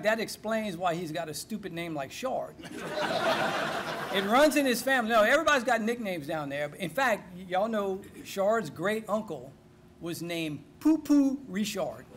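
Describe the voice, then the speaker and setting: A man's voice: sits high, background noise. A man with a Cajun accent from South Louisiana, telling folksy comic stories to a live audience. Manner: lively, folksy joke-telling with drawn-out punchlines. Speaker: humorist.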